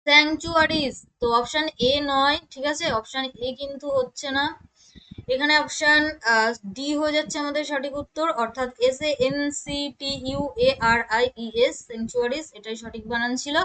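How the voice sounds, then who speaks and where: Bright high-voiced Bengali teacher woman. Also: steady tone, poor audio. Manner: reads English options slowly, explains in quick Bengali. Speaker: English teacher. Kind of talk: exam-prep lesson.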